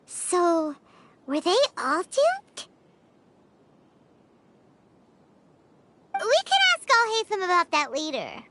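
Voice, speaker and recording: A woman's voice: very high voice, wildly swooping pitch, unhurried, pushed and bright, slight background noise, full character voice. A woman voicing a small, childlike fairy companion in a video game, perky and caring, who refers to herself in the third person. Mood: puzzled. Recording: music behind the voice.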